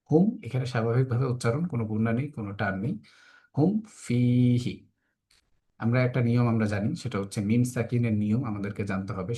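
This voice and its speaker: Speaking at a fairly low pitch with a dark tone, a man leads a children's tajweed class. He goes through the rules patiently and step by step, reciting verses at a slow pace with long, drawn-out vowels.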